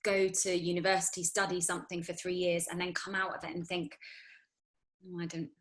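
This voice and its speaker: Speaking briskly in a fairly low, flat voice, a guest actress in her thirties who grew up in the UAE rambles through a casual interview, full of fillers and false starts. The recording is low quality.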